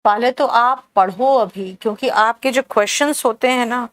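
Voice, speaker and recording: A woman teaching an online grammar lesson, patiently drawing out her examples and calling her students "beta". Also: a little high. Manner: patient, drawn-out explaining, calls students "beta".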